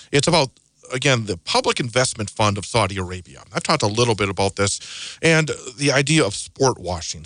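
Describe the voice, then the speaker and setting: An American man hosting a radio talk show with a smooth, practiced delivery, speaking close to a studio microphone. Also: mid-range voice, a bit bright, no echo. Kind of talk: radio talk and station announcements.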